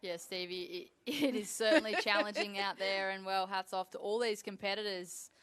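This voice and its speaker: A woman commentates live sport from a booth. Her mid-pitched voice is smooth and crisp as she hosts the coverage. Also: normal speed, fairly bright tone. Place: commentary booth at a surfing event.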